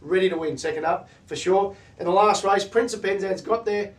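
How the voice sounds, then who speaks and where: A man's voice: high-pitched, normal speed. A man hosting a casual horse racing chat, analysing races in clipped, punchy, jargon-heavy phrases. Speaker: host of a horse racing talk show. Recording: distant mic.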